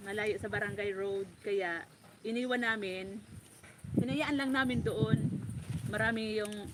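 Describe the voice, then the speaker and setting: A woman from the Bicol region of the Philippines, a farm vlogger, telling a story in a casual, animated way, laughing often and calling her listener by name. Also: on the high side, heavy background noise. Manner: animated, laughs often, repeats a friend's name as she talks.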